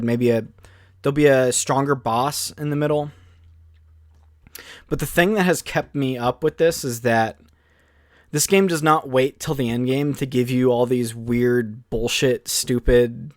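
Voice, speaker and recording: A man co-hosting a podcast, chatting casually and excitedly in long rambling runs full of fillers. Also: mid-range voice, no room sound, studio quality. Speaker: podcast co-host. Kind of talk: casual chat.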